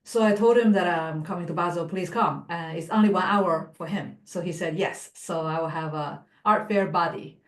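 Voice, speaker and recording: Low-voiced Chinese-native woman on an echoey call. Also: normal speed, hardly any pauses. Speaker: art group participant. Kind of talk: casual video call chat. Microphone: video call.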